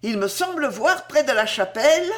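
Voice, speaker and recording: A narrator voicing an eager, defiant young boy in a high, childlike voice, reading a storybook aloud. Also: animated, normal speed.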